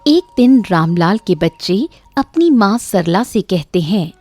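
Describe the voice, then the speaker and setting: A woman narrates a children's moral story in a mellow, warm tone at a middle pitch. She keeps her reading steady and even. Faint background music runs underneath. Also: a little slow, no room sound.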